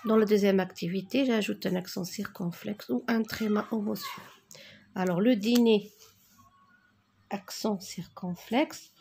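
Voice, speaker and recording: Slow, husky woman teacher. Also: mid-range voice, a little mellow. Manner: slow, dictating spelling, repeats words. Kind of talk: worksheet correction lesson.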